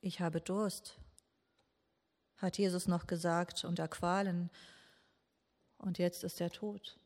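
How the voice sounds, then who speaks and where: A woman giving a slow, meditative sermon in a grieving, questioning tone, with long pauses. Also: on the low side, flat delivery, a little mellow. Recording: long echo of a large church hall.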